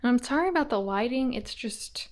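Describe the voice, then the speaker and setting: A plant vlogger gives a chatty, casual tour of the houseplants in her small old house, naming each as she walks and now and then dropping to a whisper. She's out of breath, and her voice is on the high side, lively in intonation, and a little fast.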